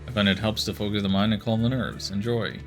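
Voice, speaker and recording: A man voicing a smooth, flattering male city mayor with a genteel, theatrical manner. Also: fairly low pitch, quick pace, music in the background, lightly acted. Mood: charming.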